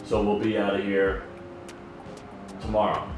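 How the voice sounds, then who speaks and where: A man, a site foreman, giving brisk instructions in casual work talk. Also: lowish voice, little pitch movement, very echoey, recorded from a distance, over music.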